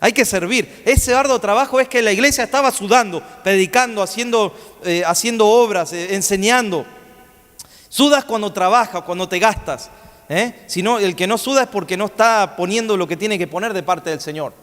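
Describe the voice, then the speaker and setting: A man's voice: high voice, normal speed, a bit bright. A man preaching a sermon in a church, telling a story and asking the congregation questions, often restarting his words. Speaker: guest preacher. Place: church sanctuary. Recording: long church hall reverb.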